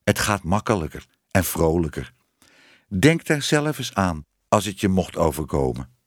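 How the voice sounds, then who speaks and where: A man's voice: low voice, very animated, unhurried, no room sound, studio quality, voice pushed down, heavily acted. A man reading a storybook aloud, voicing a worldly female alley cat who gives knowing advice. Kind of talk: audiobook reading.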